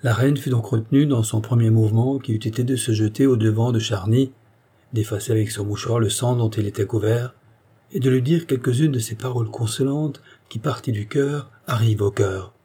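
A man reading a classic novel aloud as audiobook narrator, in a measured, even way. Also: medium pitch, breathy edge. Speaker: audiobook reader. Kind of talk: scripted narration.

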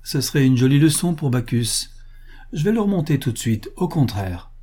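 A man reading the part of a spirited young countess in an audiobook, in a raised, lively voice. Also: medium pitch, normal speed, slightly rough.

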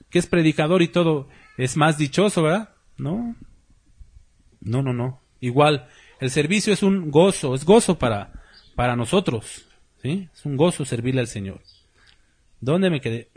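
A man's voice: a little high, husky. A man preaching a sermon as pastor, talking conversationally and asking the congregation rhetorical questions.

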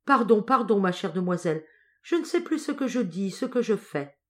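A woman's voice: medium pitch, expressive, unhurried, close to an everyday voice. A woman voicing an emotional young exiled prince who speaks in fervent, tearful outbursts, in a storybook reading. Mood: ecstatic.

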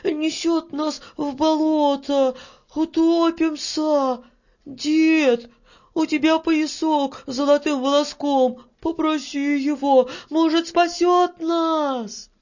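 A woman's voice: high-pitched, steady tone, takes it slowly, darkish tone, pitched above the performer's own voice. A woman voicing a frightened little peasant man with a flax-like beard, crying out in alarm. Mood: panicked. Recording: dull lo-fi audiobook recording.

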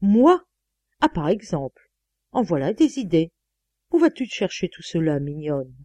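Blustering bourgeois husband from a storybook audiobook, read by a woman, exclamatory, mellow dark tone, dry close sound. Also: fairly low pitch, big pitch swings, measured pace, dry recording. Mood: blustering denial. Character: indignant middle-aged bourgeois husband blustering denials.

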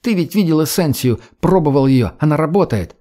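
A man's voice: fairly high pitch, expressive, a little fast, voice pushed up. A man voicing a sneering young redheaded woman. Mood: defiant. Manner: mocking, sharp-tongued. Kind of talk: audiobook character voice.

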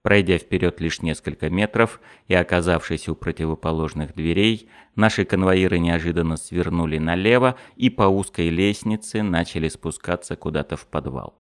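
A man with a deep, low voice narrates an audiobook in the first person. His reading is steady and measured, with an even storytelling pace. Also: smooth.

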